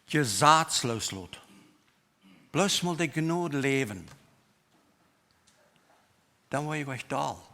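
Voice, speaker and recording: Bright-voiced preacher with a Low German accent. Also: male voice, animated, slow pace, gravelly, pauses often. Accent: Mennonite Low German. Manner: switches between Low German, German and English words, emphatic. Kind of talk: sermon. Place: church.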